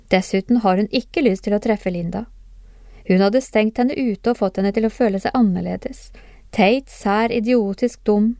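A woman narrating a lesson in a calm, measured way, her voice mellow and soft-edged. The sound is dry and close, with no room around it, and she keeps turning to ask the listener questions. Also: mid-range voice, no echo. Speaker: narrator of classroom discussion cases. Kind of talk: scripted educational narration.

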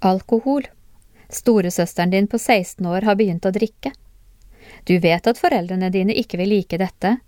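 A woman narrating a lesson in a calm, measured way, her voice mellow and soft-edged. The sound is dry and close, with no room around it, and she keeps turning to ask the listener questions. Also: medium pitch, no echo. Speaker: narrator of classroom discussion cases. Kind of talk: scripted educational narration.

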